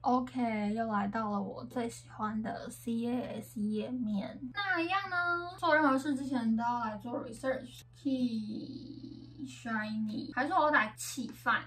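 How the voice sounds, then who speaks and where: A woman's voice: fairly high pitch, moderate pace, few pauses. A young woman with a Taiwanese Mandarin accent, chatting casually and playfully over a game, with a slight lisp from wearing retainers. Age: young adult. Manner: playful, expressive, self-talking. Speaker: gaming vlogger. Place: indoor room at home. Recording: slightly distant microphone.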